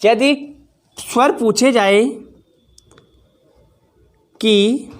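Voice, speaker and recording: Slow, deliberate woman teaching grammar. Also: a little high. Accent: Hindi, from northern India. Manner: slow, deliberate, drawing out vowel sounds as examples; addresses viewers as friends, anticipates their questions. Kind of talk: exam-prep grammar lesson.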